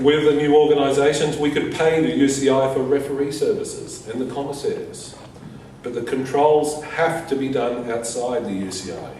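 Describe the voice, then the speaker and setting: Reading a prepared statement aloud at a conference, this man has a mellow, soft voice in the mid range and speaks in deliberate, measured phrases. He sounds distant from the microphone in a very reverberant room, over faint background noise.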